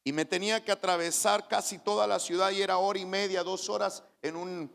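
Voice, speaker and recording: A man's voice: high voice, steady tone, brisk, gravelly, fairly bright tone. A man, a pastor giving an earnest personal testimony in a sermon, often restarting his phrases. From Chile. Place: church. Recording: reverberant church hall.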